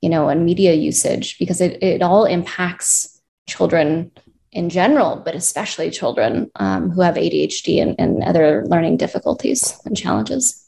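A woman's voice: fairly low pitch, normal speed, creaky, mellow. A woman from the United States, a clinician, giving earnest advice as a guest in a conversational interview. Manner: earnest, advising, builds points in lists.

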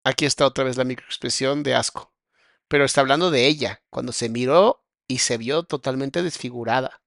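A man's voice: medium pitch, a little fast, creaky, a bit bright, no room sound, clean studio sound. A Mexican man, a psychologist hosting a reaction video, explaining what he sees and speaking his opinions with emphasis. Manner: explains and points things out, turns preachy and emphatic. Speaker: psychologist host. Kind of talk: reaction commentary.

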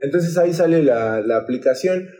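A man's voice: a little high, animated, normal speed, dark tone. Slangy young Mexican man, rambling. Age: young adult. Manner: slangy, rambling, many restarts. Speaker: guest, hostel project leader. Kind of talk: casual podcast chat.

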